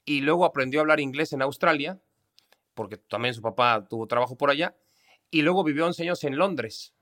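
A man's voice: fairly high pitch, a little fast, fairly bright tone. A man with a Mexican accent co-hosting a podcast, telling stories in casual chat with jokes and slang. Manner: joking, slangy storyteller. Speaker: podcast co-host.

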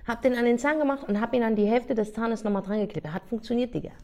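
Slangy, animated young woman storyteller. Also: fairly high pitch, quick pace. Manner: slangy, animated storyteller acting out friends' voices. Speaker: podcast guest telling a story. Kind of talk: casual podcast chat.

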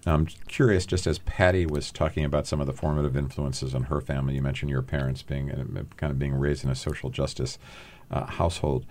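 A male host asks long interview questions, pausing on fillers as he goes. His voice sits extremely low. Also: fairly even intonation, a little mellow. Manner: hesitant questioning with many uh fillers. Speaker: podcast host.

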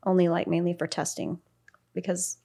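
Middle-aged woman guest, gravelly and fairly low, loose chatty interview delivery. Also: level tone, normal speed, warm tone. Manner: chatty, laughs often, many fillers. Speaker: paraprofessional guest. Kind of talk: casual interview talk.

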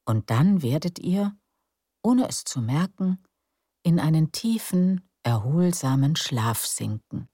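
A woman narrates soothing sleep stories as a podcast host, in a calm, gentle, unhurried way. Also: sits low, dry recording, studio quality. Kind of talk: soothing bedtime story narration.

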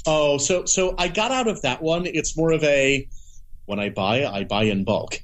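Rambling, animated man in casual chat. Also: fairly high pitch, moderate pace. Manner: rambling, many restarts and playful acted-out asides. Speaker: podcast guest. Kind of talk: casual conversation.

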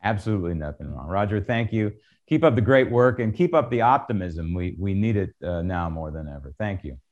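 Animated American male political talk host. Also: low-pitched, brisk, muffled recording. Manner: emphatic, exhorting, repetitive. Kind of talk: opinion monologue to audience.

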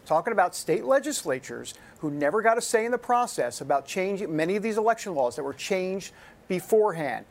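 A man hosting an opinionated political talk show in a punchy, teasing manner, repeating himself and asking rhetorical questions. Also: high-pitched.

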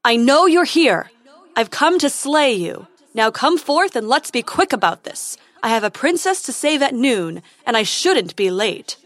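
A woman voicing a young prince who boasts loudly, then stammers and squeaks in fear. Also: very animated, moderate pace, few pauses, no room sound. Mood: boastful. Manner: hesitant, squeaky. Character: young nervous male knight prince, boastful.

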